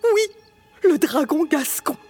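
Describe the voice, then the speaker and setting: A woman voicing a frightened male villager who speaks in a hushed, urgent whisper in a storybook reading. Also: sits high, big pitch swings, takes it slowly, soft background music, pitched above the performer's own voice, full character voice. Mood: scared, hushed.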